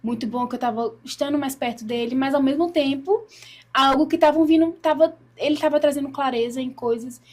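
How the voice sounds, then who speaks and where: Brazilian woman with a high voice telling her faith testimony on a podcast, earnest. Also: a little fast. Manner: earnest storytelling, acts out her own past words. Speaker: guest giving a testimony.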